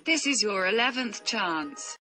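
A woman's voice: medium pitch, lively intonation, a little slow, bright, forceful tone, soft background music. A woman acting out a computer error character, threatening and growling, speaking in broken, simple English. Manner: threatening, counting down warnings with growls. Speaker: VTuber.

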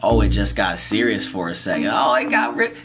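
This playful vlogger, a man in his 30s, offers marriage advice at a brisk clip with a very lively pitch, joking and repeating lines. He's filmed up close by a camera in a small, bright indoor room, and the background is noisy.

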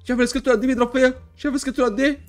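A young man with an Egyptian accent, playing a superhero in a block-building game, talking loudly and frantically with constant exclamations. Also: very high-pitched, steady tone, racing, soft background music. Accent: Egyptian Arabic. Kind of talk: excitable role-play over gameplay.

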